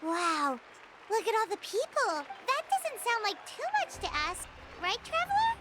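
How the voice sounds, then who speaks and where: A woman voicing a tiny childlike fairy companion in a video game, chirpy, excitable and bossy. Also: very high-pitched, a little slow, very noisy, exaggerated voice. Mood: cheerful wonder. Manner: chirpy, exclamatory. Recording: loud game music behind.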